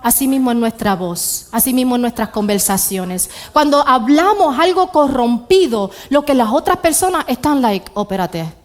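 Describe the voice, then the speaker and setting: A woman's voice: sits high, animated, normal speed, hardly any pauses. A woman with a Puerto Rican accent preaching a church sermon, asking the congregation rhetorical questions and repeating her key lines. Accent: Puerto Rican Spanish. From Puerto Rico.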